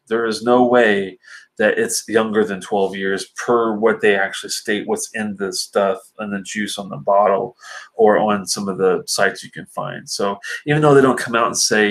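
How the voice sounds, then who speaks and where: His voice is lowish with a fairly bright tone as he runs a relaxed whisky-review live stream, working through viewer comments with lots of rambling and filler. He sounds sinusy and stuffed up from allergies.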